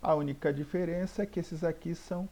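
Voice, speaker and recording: A man's voice: fairly high pitch, fairly even intonation, dark tone. A man teaching a grammar lesson, explaining patiently and repeating key points. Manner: slow, patient explaining with repetition. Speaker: Portuguese teacher.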